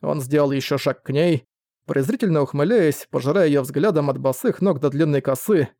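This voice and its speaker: Mellow-voiced male audiobook narrator. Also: fairly high pitch, moderate pace, dry recording, studio quality. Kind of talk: scripted narration.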